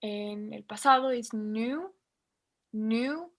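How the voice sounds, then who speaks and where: A woman's voice: fairly high pitch, extremely slow. A woman with a Mexican Spanish accent, teaching a basic English lesson and patiently spelling out pronunciation. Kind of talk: online class lesson.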